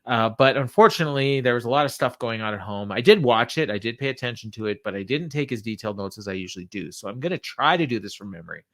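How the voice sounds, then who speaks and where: Halting man giving a casual recap. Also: mid-range voice, animated, fairly bright tone. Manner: halting, backtracking, paraphrasing quotes as he goes. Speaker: wrestling podcast co-host. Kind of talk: casual recap retelling a promo from memory.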